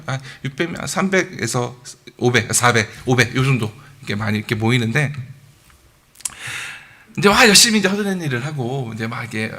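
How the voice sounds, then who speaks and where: A man in his thirties preaching a sermon in a church, telling a story with lively acted quotes and chuckles. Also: medium pitch, vocal fry.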